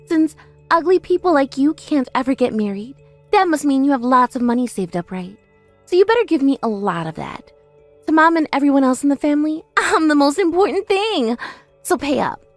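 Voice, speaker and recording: Woman doing a snooty mean big sister in her 30s, really high voice, bragging and taunting, audio story drama. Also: lively intonation, brisk, soft background music. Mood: smug. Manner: haughty, taunting, self-praising. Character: vain, spiteful older sister in her thirties, boastful and mocking. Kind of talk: scripted audio story dialogue.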